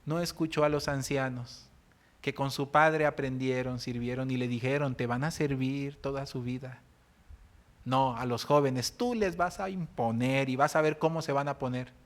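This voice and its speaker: A man with a Mexican Spanish accent preaching a sermon, telling stories and moving between loud outbursts and soft, low speech. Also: fairly even intonation, moderate pace. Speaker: pastor. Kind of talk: sermon with storytelling. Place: church.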